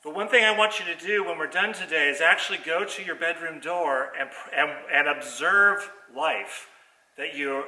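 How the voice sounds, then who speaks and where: A theatre teacher leads a hands-on lesson, walking through movements step by step. His fairly high voice sounds pushed and bright, picked up by a distant computer mic on a video call in an echoey theater.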